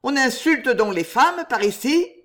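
A woman's voice: mid-range voice, very animated, unhurried. A woman reading aloud voices a bold young male cavalier with a vibrant, defiant delivery.

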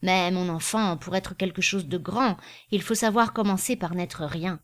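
A woman voicing a grave older male magistrate who speaks in a stern, measured way. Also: lowish voice, fairly even intonation, lightly acted.

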